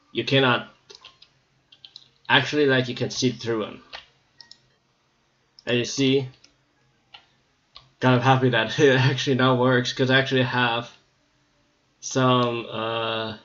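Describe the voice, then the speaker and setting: Man, mid-pitched, slightly scratchy, casual gameplay commentary with lots of ums, lo-fi muffled recording. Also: fairly bright tone. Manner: rambling, hesitant, many ums. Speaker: gameplay video maker.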